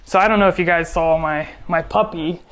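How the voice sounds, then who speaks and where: A man's voice: on the high side, steady tone, fast talker, fairly bright tone, soft background music. A man teaching programming in a casual screen-recorded tutorial, chatty and joking, often correcting himself as he goes. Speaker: programming instructor.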